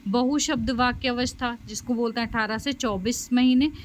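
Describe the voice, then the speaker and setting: A woman's voice: on the high side, fairly even intonation, normal speed, a little hiss or hum, low-quality recording. A woman teaching a special education lecture and explaining slides, with lots of fillers and "okay?" checks. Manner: explanatory, frequent fillers and "theek hai" checks. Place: home.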